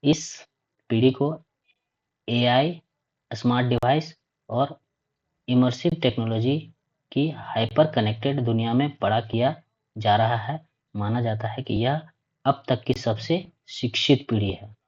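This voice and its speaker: A man's voice: mid-range voice, measured pace, pauses often, darkish tone. A man teaching a lesson, reading points aloud and explaining them, often checking in with "okay". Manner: reads points aloud then explains, repeats 'ठीक है' often. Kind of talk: classroom lecture. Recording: dull lo-fi recording.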